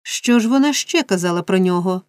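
A woman voicing a frantic, scheming old male fence in an audiobook reading, shrill and insistent. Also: lively intonation, fairly quick, clean tone, no echo, lightly acted.

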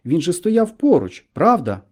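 A man's voice: high-pitched, huge pitch swings, unhurried, a little mellow, voice pushed up, heavily acted. A man voicing an indignant teenage boy who argues urgently and keeps pressing his case. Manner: urgent, arguing.

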